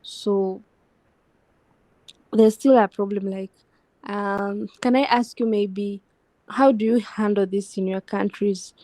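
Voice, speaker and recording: A woman from Tanzania speaks slowly and earnestly on a discussion panel. Her voice is mellow, and the recording is dry and close. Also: mid-range voice, fairly even intonation, dry recording, poor audio.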